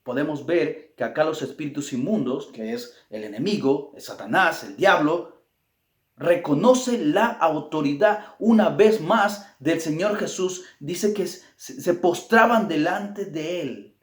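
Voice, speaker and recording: A man preaching a Bible study with an emphatic, repetitive delivery that drives each phrase home. His voice sits a touch high for a man. The sound is roomy, with a clear echo around him. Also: expressive, unhurried.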